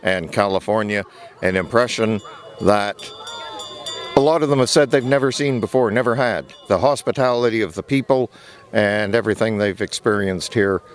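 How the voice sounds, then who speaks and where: A man speaking as an event organiser, giving answers in an interview. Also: lowish voice.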